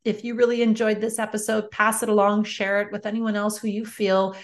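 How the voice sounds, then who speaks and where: A woman hosting a solo coaching podcast, explaining advice in a deliberate, encouraging, instructional way with pauses between phrases. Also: medium pitch, little pitch movement. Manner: instructional, encouraging self-help address to the listener. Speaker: life coach podcast host.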